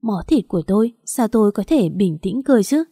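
A distraught young mother cries out and begs in a raised, loud voice, as a woman narrator puts her on. The tone is mellow and warm, recorded close and dry. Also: medium pitch, expressive, a little fast, husky, no room sound. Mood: anguished. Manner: sobbing, desperate pleading.

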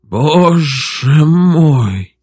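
A man's voice: on the high side, expressive, extremely slow, darkish tone, breathy edge, exaggerated voice. A man voicing an older scientist in an audiobook, with a quavering, muttering delivery. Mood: shaken. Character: older man, a scientist, who returns to a place after fifty years. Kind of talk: audiobook character reading.

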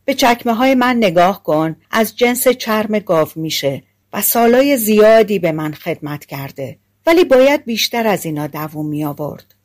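A woman's voice: medium pitch, animated, darkish tone, close to an everyday voice. A woman voicing a bold, hungry young male ex-soldier in a storybook, speaking bluntly and with some liveliness.

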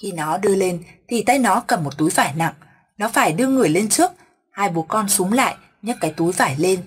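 Husky woman telling a ghost story. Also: mid-range voice. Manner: steady, measured storytelling.

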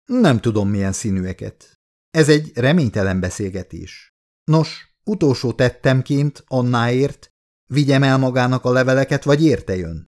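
A man's voice: mid-range voice, lively intonation, a little mellow, voice pushed up, lightly acted. A male reader voicing a cold, curt and ironic man in an audiobook. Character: aloof, cutting man, coolly dismissive. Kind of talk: audiobook character voice.

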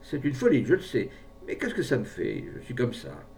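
A cunning pharmacist with a persuasive, jolly patter, as a narrator puts him on. His gravelly voice leaps high on every sales pitch. It's heard from a distance over a faint rumble. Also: huge pitch swings, normal speed, darkish tone. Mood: eager. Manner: persuasive, wheedling, falsely jovial. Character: scheming smooth-talking male pharmacist.

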